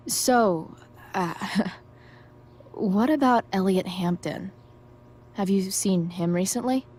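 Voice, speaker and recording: A woman's voice: mid-range voice, slow pace, darkish tone, slightly rough. A woman playing a sardonic, rebellious teenage girl in a video game, talking in sarcastic, casual slang. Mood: awkward, wry.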